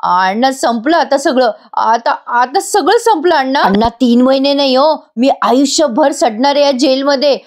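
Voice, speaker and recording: A woman voicing a desperate young woman in jail, crying out in a high pleading voice. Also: animated, moderate pace, few pauses. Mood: despairing. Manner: shrill pleading cries.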